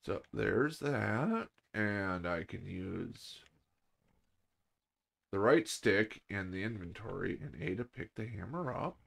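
A man's voice: on the low side, animated, slow, vocal fry, a bit bright. A middle-aged man hosting a gaming show, giving goofy, jokey let's-play commentary and reading on-screen text aloud.

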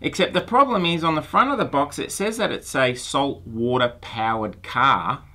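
A friendly, earnest science teacher in his forties talks on the phone, often starting his sentences over. His mid-range voice is pushed and bright, with lively intonation at a normal speed. He's in a small room lined with shelves of toys and lab gear, picked up by both the handset at his ear and a room mic.

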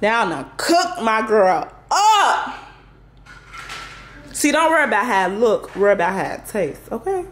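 Very animated yet unhurried, her slightly high voice has a fairly bright tone over slight background noise. She's in her thirties, hosting a chatty, playful cooking vlog from her home kitchen, calling viewers y'all and exclaiming in sing-song. Audio is roomy, from a tripod camera set far away.

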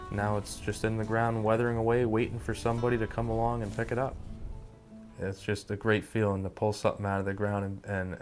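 Flat-voiced low detectorist man. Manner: enthusiastic, halting repetitions. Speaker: metal detectorist. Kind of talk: documentary interview. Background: soft guitar music.

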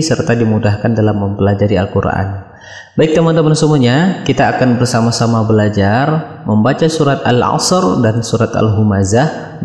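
A man teaching Quran recitation melodies in a calm online tutorial. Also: on the low side. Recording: echoey room with long reverb.

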